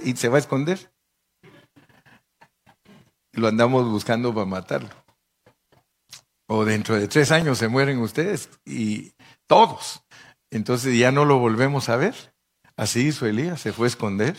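A middle-aged man preaching a storytelling sermon, talking conversationally to the congregation and acting out voices with sudden pitch jumps. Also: moderate pace, long pauses. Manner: addresses listeners as brother, conversational. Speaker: pastor.

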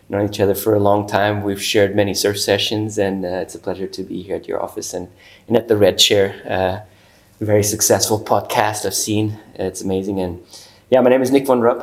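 A man, a guest chatting casually in an interview, easygoing and full of fillers. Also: fairly low pitch. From Portugal. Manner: easygoing, many fillers and restarts.

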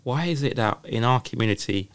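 A man's voice: mid-range voice, expressive, brisk, smooth, no room sound. A man hosting a casual podcast chat, supportive and hesitant as he gathers his thoughts. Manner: supportive, frequent affirmations, hesitant. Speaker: host.

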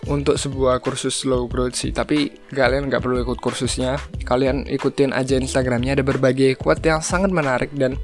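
A young man hosting a casual solo podcast, talking in a relaxed way and slipping in English phrases. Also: medium pitch, a little fast, faint music behind. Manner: relaxed, mixes English phrases, frequent fillers. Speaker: podcast host.

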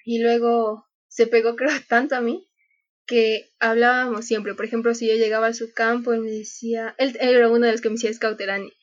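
Chatty high-voiced young woman. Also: flat delivery, fairly quick. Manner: chatty, acts out quoted dialogue, frequent laughs. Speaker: podcast guest, scout leader. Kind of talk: casual interview storytelling. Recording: dull, lo-fi sound.

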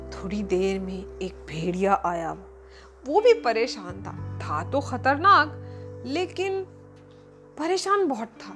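Slow high-voiced woman telling a kids' story. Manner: gentle, expressive, repeating words. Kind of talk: children's story narration.

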